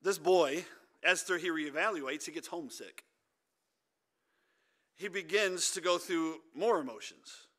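A man preaching a sermon as pastor in a church, emphatic, swinging between loud urging and quiet intensity. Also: fairly high pitch, unhurried, long pauses.

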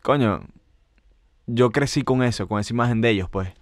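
A man's voice: medium pitch, moderate pace, crowd noise. A man, a podcast co-host talking earnestly and reflectively in casual chat. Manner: earnest, reflective, steering the topic.

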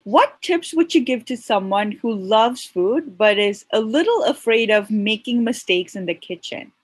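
A woman hosting a podcast, with a husky voice at a mid pitch. She reads her intro and asks her questions in a friendly, measured way, recorded dry and close. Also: animated, dry recording. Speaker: podcast host and interviewer. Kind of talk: scripted intro and interview questions.

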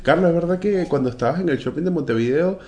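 A man's voice: a little high, lively intonation, fast, mellow, slight background noise. A Venezuelan man in casual podcast chat, a talkative, joking storyteller.

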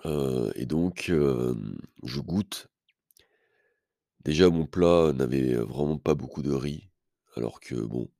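A man with an extremely low, gravelly voice tells a story on his podcast, stopping often for fillers and restarts. He sounds blunt and sure of himself, and his dark, mellow tone is recorded dry and close to the mic. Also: dry recording. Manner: hesitant, many fillers and restarts; blunt, self-assured. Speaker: podcast host. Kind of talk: casual storytelling monologue.

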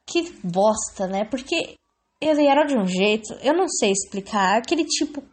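Young woman, Brazilian Portuguese accent, high pitch, very animated intonation, casual chat, frequent laughter. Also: brisk. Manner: lively, laughs often, swears casually.

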